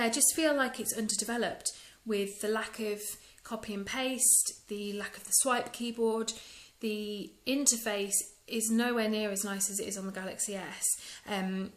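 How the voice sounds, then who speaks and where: A woman whose voice is a little high chats through a casual phone review vlog, the phone held at arm's length, with many ums and mild disappointment. The recording is low-quality, set in an echoey room.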